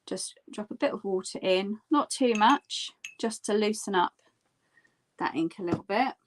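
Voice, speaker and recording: A woman with a medium-pitched voice leads a hands-on painting lesson. She instructs gently and encouragingly, guiding learners step by step in a casual, informal way. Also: normal speed, a little hiss or hum. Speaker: art instructor. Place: indoors at a tabletop.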